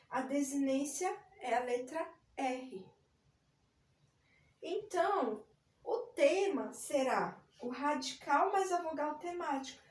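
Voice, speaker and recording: A woman's voice: high-pitched, far from the mic. A woman teaching a recorded grammar lesson, patiently explaining step by step and spelling words out. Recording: echoey room, voice a bit off-mic.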